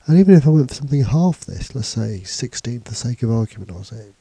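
A computing teacher, bunged up with a cold, casually narrates a programming tutorial over slides and a screen recording from indoors. His mid-range voice is gravelly, dark and husky, animated and fast, with no echo. Fillers and restarts crop up throughout.

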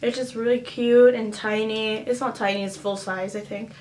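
A chatty young vlogger does a casual haul chat at home, her voice a little high, a little mellow and fairly even, at normal speed. Upbeat and full of "like" and "um," she has a cough drop in her mouth; the room echoes and there's slight background noise.

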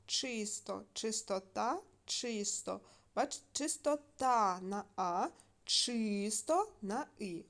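A woman teaching primary school children in a recorded video lesson, reading out words slowly and clearly, with small fillers between steps. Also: medium pitch. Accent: Ukrainian. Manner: slow, clear dictation with fillers.

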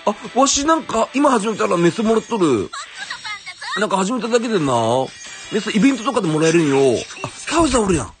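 A man with a Kansai accent giving casual, excitable commentary as he pulls characters in a game, exclaiming and musing aloud. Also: sits high, fairly quick. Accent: Kansai Japanese. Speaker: gaming YouTuber. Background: game music.

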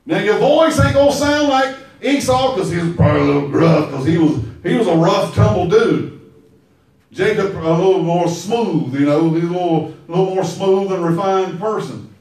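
A pastor preaching an emphatic, storytelling sermon and calling on his listeners. His voice is high for a man. It rings out across a very echoey church sanctuary, picked up by a mic some way off. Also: lively intonation, normal speed, a little mellow. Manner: emphatic, call-and-response, storytelling. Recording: very echoey hall, mic far off.

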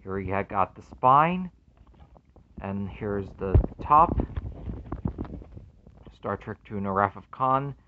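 A man unboxing a movie collection in casual commentary, earnestly excited, reading the labels aloud and calling each one very amazing. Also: fairly low pitch, takes it slowly, long pauses, phone-quality sound, background noise.

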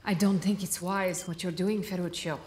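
An actress playing a worried, blunt and unyielding wife, arguing reproachfully and emphatically in a film drama. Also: female voice, on the low side, steady tone, normal speed, a little mellow, a little hiss or hum, natural voice. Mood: worried, challenging. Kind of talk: film drama acting, marital argument. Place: dining room indoors.

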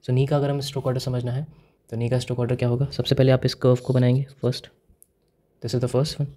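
This Indian-accented man speaks quickly in a mellow, mid-range voice with little pitch movement. His whiteboard lesson walks through Japanese writing step by step in Hindi sprinkled with English, and he frequently puts questions to the viewer.

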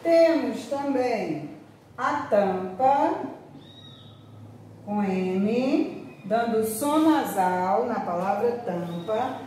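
A woman's voice: fairly high pitch, lively intonation, dark tone, a little hiss or hum. A woman teacher with a Brazilian Portuguese accent, giving a recorded lesson to young pupils and drawing out words to show their sounds. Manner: slow, drawn-out words, exaggerated sounds to demonstrate. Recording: echoey room, voice from a distance.

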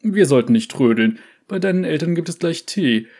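A man's voice: fairly high pitch, animated, normal speed, a little mellow, voice pushed up. A man voicing a cheerful, pushy elderly male yordle uncle who coaxes relentlessly in a storybook reading. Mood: coaxing.

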